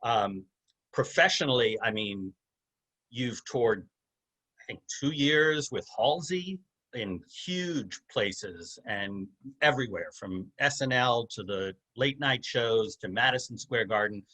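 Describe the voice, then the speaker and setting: A man's voice: mid-range voice, expressive, takes it slowly, pushed and bright. A man interviewing a musician friend, rambling through his questions with lots of fillers. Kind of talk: casual interview.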